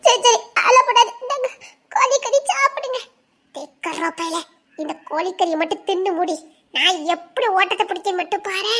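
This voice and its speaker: A woman's voice: extremely high pitch, fairly quick, pushed and bright. A woman voicing a lovestruck young village woman who chatters and giggles while teasing her sweetheart. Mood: coaxing. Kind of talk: village romance drama acting.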